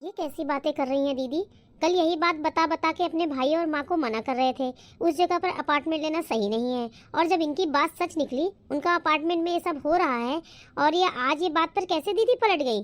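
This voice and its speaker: A woman's voice: very high voice, normal speed, fairly bright tone. A woman voicing a fed-up young daughter-in-law who protests sharply in a cartoon. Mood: indignant.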